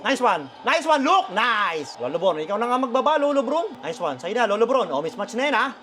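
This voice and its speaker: A man reacts live to a basketball game as a fan, shouting at players and laughing at the plays. His voice sits very high and bright, with a lively pitch that swoops up and down. Now and then his calls break into swearing. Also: brisk.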